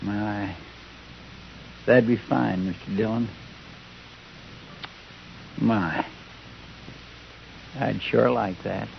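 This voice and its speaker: An actor playing a meek, loyal, folksy American deputy, hesitant and deferential, in an old radio western. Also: male voice, on the low side, steady tone, drawn-out words, vocal fry, pauses often, exaggerated voice. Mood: grateful. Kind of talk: 1950s radio western acting. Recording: muffled, hissy old radio recording.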